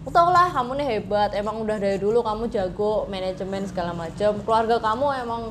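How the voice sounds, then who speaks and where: A woman's voice: medium pitch, quick pace, a bit bright, natural voice. A woman acting out a passive-aggressive person who plays the victim in a falsely sweet, self-pitying way. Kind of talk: acted example quotes in casual talk. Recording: clear background noise.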